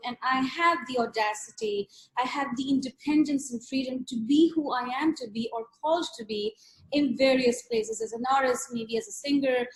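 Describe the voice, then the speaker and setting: A woman from Pakistan with a high voice talks earnestly and reflectively about her artwork in an interview over a video call. She repeats words for emphasis, and the audio through the call connection is poor.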